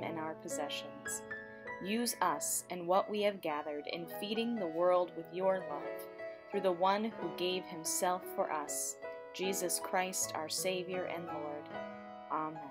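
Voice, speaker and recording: A woman reading a thanksgiving prayer in a slow, reverent, low-key way. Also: steady tone. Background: soft piano music.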